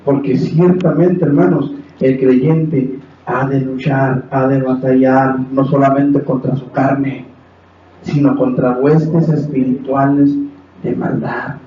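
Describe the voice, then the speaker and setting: A man with a Mexican Spanish accent preaching a sermon as pastor, impassioned, acting out quotes and rising to shouts. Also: mid-range voice, flat delivery, slow. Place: church hall. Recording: echoey hall from far off, dull, faint hiss.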